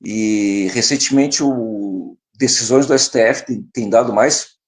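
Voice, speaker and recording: A man co-hosting a podcast, explaining background in a measured, casual way. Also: mid-range voice. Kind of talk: casual discussion.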